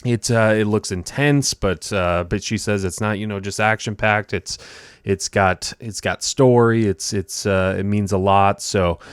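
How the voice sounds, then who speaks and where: Guy hosting a podcast, halting, lots of uhs, dry close mic. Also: lowish voice, steady tone, clean tone, dry recording. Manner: halting, many fillers and restarts. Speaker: podcast host. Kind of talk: casual interview chat. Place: home studio, Tampa.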